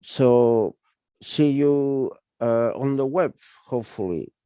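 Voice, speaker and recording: Man, middle-aged, interviewer, slow, mellow tone, lots of uhs. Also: medium pitch, clear, resonant tone, no room sound, clean studio sound. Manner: halting, filler-heavy delivery. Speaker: interview host. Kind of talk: interview introduction and questions.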